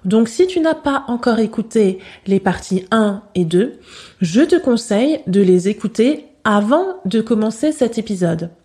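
A woman teaching spoken in a podcast lesson, saying each example slowly and carefully and repeating it for learners. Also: on the high side, animated, a little mellow. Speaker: French teacher.

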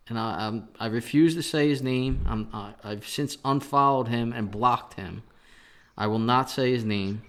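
Animated man venting about a lost bet. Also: mid-range voice, clean tone. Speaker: podcast host. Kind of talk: casual sports betting chat.

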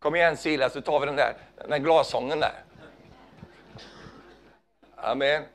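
A man preaching a fervent sermon, calling out hallelujah often and swinging between loud emphasis and hushed asides. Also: on the high side, fairly even intonation.

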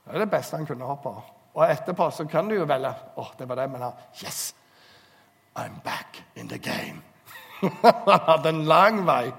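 Preacher with a slightly high voice in an echoing hall. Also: male voice, creaky. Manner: storytelling, earnest exhortation. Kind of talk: sermon. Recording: long hall reverb.

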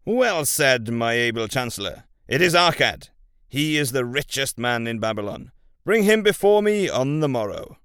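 A man voicing a commanding ancient king who speaks in a formal, regal way, louder and a little higher than his narration. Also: very animated, moderate pace, clear, resonant tone, dry recording, studio quality. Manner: demanding, regal.

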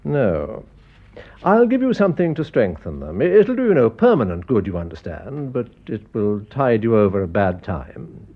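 This classic radio drama performance features a man as a smooth, eminent Harley Street physician with an RP accent and a measured, formal, authoritative way with patients. His mid-range voice makes big pitch swings as he probes in a measured mood, and the audio is dull.

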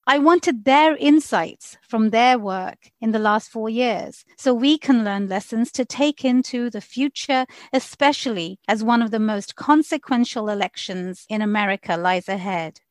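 A woman's voice: fairly high pitch, measured pace, hardly any pauses, no echo. A woman, an immigration attorney, hosting and interviewing on her podcast in an upbeat, welcoming way.

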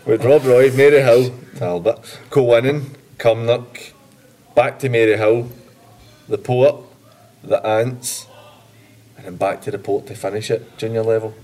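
A man's voice: mid-range voice, fairly even intonation, measured pace, dark tone. A man with a west of Scotland Glasgow accent chatting casually, jokey, self-deprecating and sweary. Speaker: former junior footballer. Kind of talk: casual chat.

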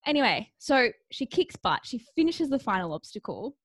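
Young woman co-host, animated storyteller, lively high voice, dry close mic. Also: moderate pace, breathy edge, no echo. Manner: animated storytelling, laughs often. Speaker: podcast co-host. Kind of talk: casual chat.

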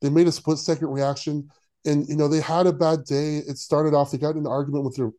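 Male podcast co-host, mellow low tone, sarcastic, opinionated riffing. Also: little pitch movement, fairly quick. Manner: sarcastic, opinionated, lots of fillers. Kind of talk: casual chat.

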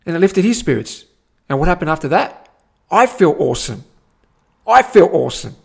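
A young man gives a casual motivational talk as a personal growth teacher, animated and repetitive, often saying "my friend". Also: on the high side, brisk, creaky, breathy edge. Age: young adult.

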